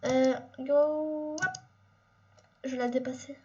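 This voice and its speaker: A young woman with a high voice, talking excitedly over her gameplay as she plays. She chatters nonstop and breaks into sudden squeals. The home recording sounds a little dull, with keyboard clicks behind her. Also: takes it slowly. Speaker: gaming YouTuber. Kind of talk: casual gameplay commentary.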